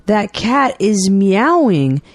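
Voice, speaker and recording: Slow, lively-voiced woman reading dialogues. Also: medium pitch, no room sound. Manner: clear, deliberate enunciation. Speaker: dialogue reader for English learners.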